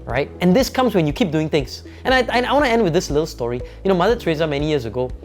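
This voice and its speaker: A man's voice: on the high side, expressive, rapid-fire, soft background music. A man, a company founder giving an emphatic motivational talk on leadership, often adding "right?" tag questions.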